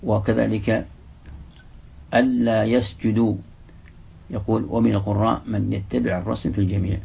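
A man giving a religious lesson, reading a passage from a classical text and then explaining it slowly, repeating the example words. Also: lowish voice, level tone, creaky, slightly rough. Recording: dull, lo-fi lecture recording.

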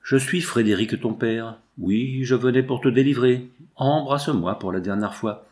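A man's voice: medium pitch, normal speed, a little mellow, lightly acted. A man reading the part of a dying older knight and father in an audiobook, speaking in a weak, faltering way. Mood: faltering, pleading.

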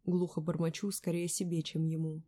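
A woman's voice: low-pitched, little pitch movement, moderate pace, mellow. Wry woman narrating an audiobook. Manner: wry, self-mocking. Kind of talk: first-person novel narration.

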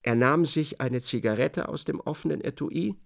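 A man narrating a literary radio drama in a measured way. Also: on the high side, gravelly.

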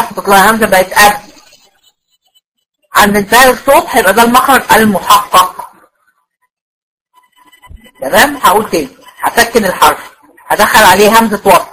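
A woman's voice: medium pitch, quick pace, pauses often, pushed and bright, husky, low-quality recording. An Egyptian woman teaching a tajweed lecture to female students, explaining step by step and often checking that they follow. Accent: Egyptian Arabic. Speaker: Quran recitation teacher.

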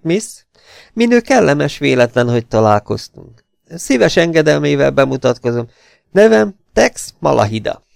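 A man reading aloud, voicing a coolly menacing gangster who speaks with smooth, mocking courtesy. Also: medium pitch, darkish tone, dry recording, studio quality. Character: mock-polite adult male gangster, cool and menacing.

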